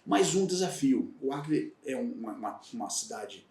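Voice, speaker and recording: This guest is a retired federal police agent in his fifties from Salvador, Bahia, whose Bahian Brazilian Portuguese has a sing-song lilt at medium pitch and a moderate, slightly mellow pace. On a relaxed podcast he looks back on his career with candor, frequently starting his thoughts over. His voice carries a roomy echo, as if heard from across the space.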